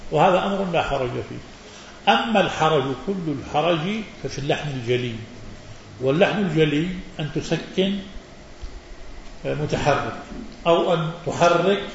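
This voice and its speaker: A man's voice: a little high, a little hiss or hum. A man teaching a religious lesson, answering questions emphatically and mimicking mispronunciations. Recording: very echoey, muffled hall recording.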